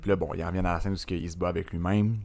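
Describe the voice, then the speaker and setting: A young man with a Quebec French accent, co-hosting a casual film podcast, animated and full of fillers, dropping in English words. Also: sits low, very fast, vocal fry, crowd noise. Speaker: podcast co-host.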